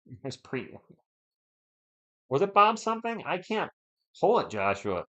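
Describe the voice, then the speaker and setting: His fairly high voice sounds pushed and bright, swinging widely in pitch at a slightly slow pace. The man has a sore throat and is losing his voice as he does casual live play-by-play of a basketball game, chatting with viewers and answering their chat between plays, over dull lo-fi stream audio.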